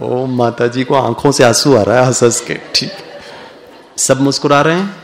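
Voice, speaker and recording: Gravelly, playful man giving a spiritual talk. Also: medium pitch, steady tone, moderate pace. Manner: playful, coaxing, leads the audience through exercises. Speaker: spiritual speaker. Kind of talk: humorous spiritual lecture to an audience.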